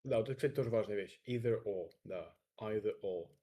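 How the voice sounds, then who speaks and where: A man with a Russian accent in French, practising example sentences in a halting, repetitive way. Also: on the low side, dark tone, breathy edge. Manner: halting, restarts and repeats phrases. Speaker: French learner practising with a partner.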